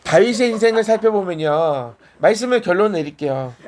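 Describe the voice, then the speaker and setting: A man's voice: sits high, lively intonation, fairly quick, darkish tone, slight background noise. A man preaching a sermon in a small church, conversational and asking the congregation questions and answering back.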